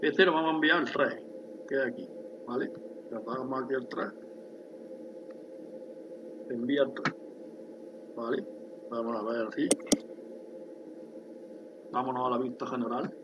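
A man's voice: medium pitch, steady tone, normal speed, long pauses. Man, screen tutorial narration, explanatory, faint background hiss. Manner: explanatory, addresses viewers with frequent "¿vale?". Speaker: instructor demonstrating a factory simulation. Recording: dull lo-fi sound with faint hiss.

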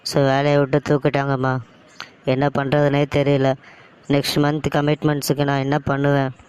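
A man's voice: mid-range voice, monotone, normal speed, darkish tone, dull audio, natural voice. Man voicing an anxious young office worker. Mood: despairing. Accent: Tamil Nadu Tamil. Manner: dismissive, then panicky and whiny. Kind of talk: cartoon story voice acting.

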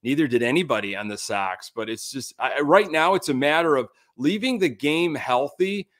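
A man's voice: medium pitch, expressive, moderate pace, a bit bright. A man in his thirties hosting a sports podcast from a home studio, talking in a casual, frank way with lots of fillers. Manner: conversational, many fillers, frank and critical. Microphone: large desk mic on camera.

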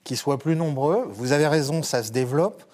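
A man's voice: fairly high pitch, animated, brisk, a little mellow. A man on a discussion panel who talks in a wry, hesitant way with many fillers. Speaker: panel guest.

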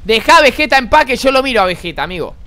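A man's voice: very animated, racing, bright, forceful tone. A man in his twenties with an Argentine accent, teasing and mocking other players in casual voice chat while gaming. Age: 20s. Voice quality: high-pitched voice. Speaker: gaming streamer.

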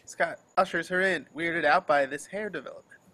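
A man with a slightly high, sharp-toned voice reads the stage directions, narrating a film script's action lines at an amateur table reading held over a remote video call. He speaks at normal speed.

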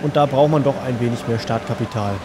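A man's voice: mid-range voice, quick pace, heavy background noise. A young man with a German accent giving casual, crude, joking let's-play commentary to his viewers. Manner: joking, crude, talks to viewers, sings along.

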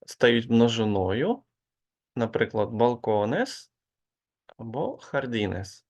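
Slow, gravelly male language teacher. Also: mid-range voice, darkish tone. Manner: slow, patient explaining with hesitant fillers. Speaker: Spanish teacher. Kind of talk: online grammar lesson.

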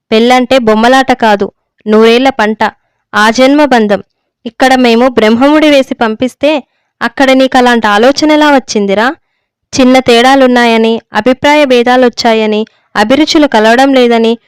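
Stern hurt old village dad scolding his son, a woman reads him in her high smooth voice, dry close sound. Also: no echo, natural voice. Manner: scolding, pleading rebukes.

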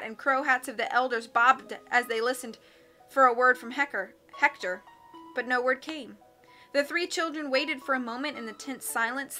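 A woman narrates a storybook aloud in a steady, expressive way. Her voice sits slightly high and sounds bright. Faint music plays behind her. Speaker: audiobook reader. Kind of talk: storybook reading.

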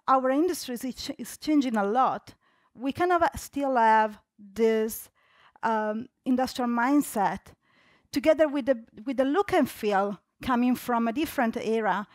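A young woman from Italy, speaking in a high, unhurried voice with an Italian accent, gives a casual-sounding conference talk marked by many fillers and restarts. She's on a large dark auditorium stage, recorded dry at studio quality.

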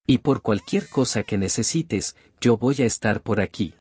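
A performer voicing a friendly male daycare teacher who talks in a calm, reassuring way. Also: mid-range voice, moderate pace, husky, no echo. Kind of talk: game role-play acting.

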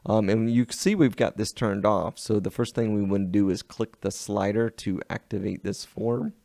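A man with a Southern US accent talks through a software tutorial one click at a time. His voice sits fairly low and has a gravelly, frayed edge, with a dark, mellow tone. The sound is close and dry, with no room around it. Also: fairly even intonation, no room sound. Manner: unhurried step-by-step walkthrough. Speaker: web design instructor. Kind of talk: screen-recorded software tutorial.

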